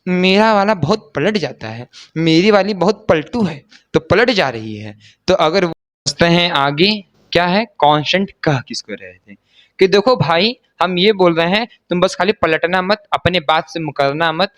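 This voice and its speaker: A man's voice: fairly high pitch, a bit bright. A young man tutoring algebra in a joking, teasing way, full of rhetorical questions and banter. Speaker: math tutor. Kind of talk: joking video lesson.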